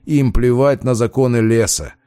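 A man voicing a weary, gruff old male wolf shapeshifter in an audiobook, speaking low and grumbling. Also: moderate pace, warm tone, no echo, clean studio sound, natural voice. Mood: grim. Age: older. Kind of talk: audiobook character voice.

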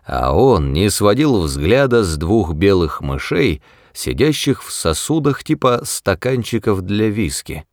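Low-voiced expressive male narrator. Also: dry recording, clean studio sound. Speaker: audiobook narrator. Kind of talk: scripted narration.

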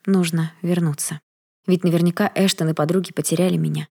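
A woman reading a first-person fantasy novel aloud in a steady, measured way. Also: fairly low pitch, vocal fry, husky. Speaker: audiobook narrator.

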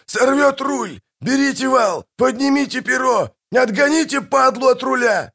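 A man plays a river-boat captain in a storybook adventure, bellowing orders high and hard over the chaos. He yells every command in a strained, lively voice, leaping up and down in pitch. He is frantic and never lets up. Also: measured pace, vocal fry, heavily acted. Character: panicking middle-aged male river-boat captain.

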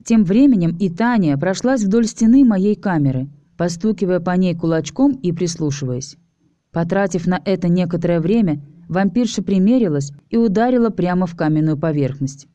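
Mellow low-voiced woman reading a story. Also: normal speed, dry recording. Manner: even, steady storytelling voicing a male first-person narrator. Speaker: audiobook reader. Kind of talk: scripted narration.

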